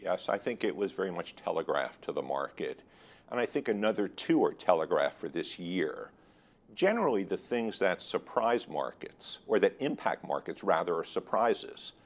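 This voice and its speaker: A man with a low voice answers interview questions as a market expert. He speaks in a measured, analytical way, choosing his points with care. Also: very animated. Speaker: guest expert on high yield bond markets.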